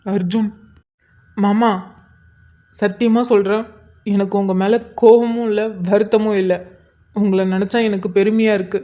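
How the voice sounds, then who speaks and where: A woman's voice: mid-range voice, level tone, measured pace, long pauses, dark tone, dull audio, close to an everyday voice. Woman voicing a weary, sincere brother-in-law. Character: young brother-in-law, exhausted from grief, sincere. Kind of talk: cartoon voice acting.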